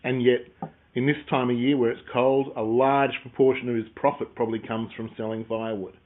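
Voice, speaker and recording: A man co-hosting a casual business chat, telling stories in a jokey, animated way. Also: mid-range voice, brisk. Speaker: podcast co-host. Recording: phone-like narrow sound.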